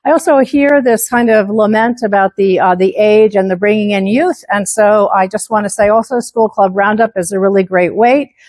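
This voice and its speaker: A section manager in her 70s presents to a club in a conference room, with a former teacher's tone and a habit of moving about. Her medium-pitched, slightly mellow voice is steady, at normal speed with few pauses, yet she frequently hesitates on fillers and restarts. The rough recording is dry, close, and echo-free.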